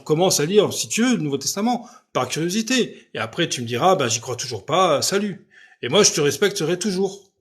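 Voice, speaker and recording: Loud, insistent French-speaking preacher. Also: male voice, a little high. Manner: loud, insistent speech with frequent rhetorical checks. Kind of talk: live-stream preaching, answering viewers' questions.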